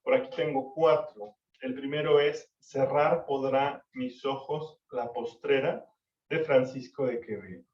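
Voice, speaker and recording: A male literature teacher, lecturing an online class, counting syllables slowly and checking for understanding. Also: medium pitch. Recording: echoey, distant, dull-sounding mic.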